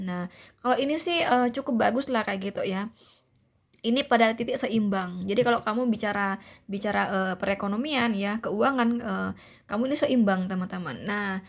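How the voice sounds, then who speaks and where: A young woman giving a chatty tarot reading to viewers, repeating herself often with many fillers and tag questions. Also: on the high side. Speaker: tarot reader.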